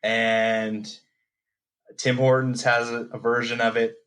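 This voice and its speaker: Man in his 30s, podcast co-host, slow, hesitant, fillers and repeats. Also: medium pitch, little pitch movement, a bit bright. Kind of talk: casual chat.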